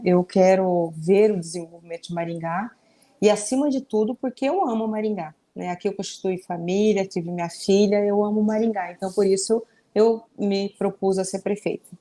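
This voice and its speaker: Brief: woman, 50s, from Brazil, earnest candidate interview answers, mellow mid-pitched voice, tag questions and restarts. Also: normal speed. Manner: earnest, with frequent "né?" tags and restarts. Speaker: mayoral candidate.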